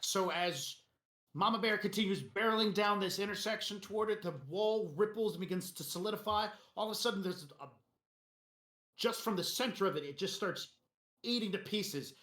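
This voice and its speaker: Man, game master, fairly high voice, casual improvised narration, roomy echo. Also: moderate pace, fairly bright tone. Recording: roomy, echoey sound.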